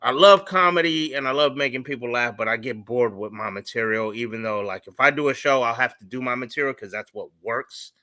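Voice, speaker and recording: A man's voice: medium pitch, a little fast, few pauses, sharp tone, no echo. A man from Hawaii who is a comedian and educator, chatting in an easygoing, slangy way. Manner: easygoing, laughs often, slangy. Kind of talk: casual chat.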